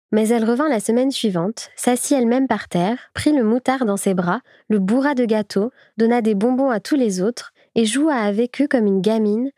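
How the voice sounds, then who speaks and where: A woman reading a classic short story aloud in even, clear storytelling narration. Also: a little high, no room sound, clean studio sound. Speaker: audiobook reader. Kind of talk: scripted literary narration.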